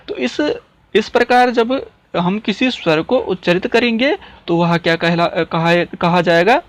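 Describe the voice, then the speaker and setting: A man teaching a grammar lesson, who poses questions to his students and answers them himself, repeats key terms, and checks in with "okay" after each point. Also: high voice. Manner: checks in with "ठीक है" often. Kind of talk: classroom-style explanation lesson.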